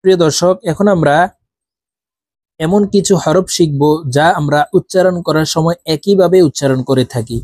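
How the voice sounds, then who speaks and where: A man teaching Quran reading, chanting Arabic letters one by one in long drawn-out tones for viewers to repeat. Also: a little high, darkish tone, no room sound. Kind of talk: Arabic letter pronunciation lesson.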